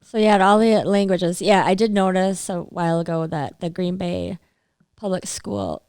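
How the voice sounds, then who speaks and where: Curious woman podcast host, smooth voice. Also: fairly low pitch, lively intonation, normal speed, darkish tone, no room sound, studio quality. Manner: curious, prompting interviewer. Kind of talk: casual podcast conversation.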